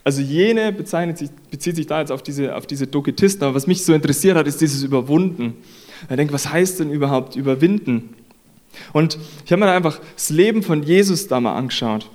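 A man's voice: on the high side, brisk, darkish tone. A man preaching a sermon in an earnest, conversational way, repeating phrases for emphasis.

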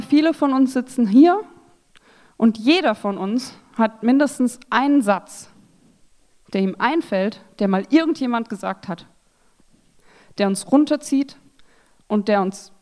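Lively woman preaching at a women's evening. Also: fairly high pitch. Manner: lively, self-mocking, acts out quoted voices. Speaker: speaker at a church women's evening. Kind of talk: sermon talk.

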